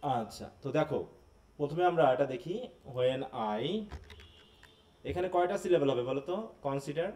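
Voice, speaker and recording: A male teacher from Bangladesh lectures in a live online class, his voice sitting back from the mic. He walks through each point patiently, slips English terms into his talk and often pauses to ask whether everyone is following. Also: fairly high pitch, dark tone, far from the mic. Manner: explanatory, often checks understanding with tag questions; mixes in English terms and phrases.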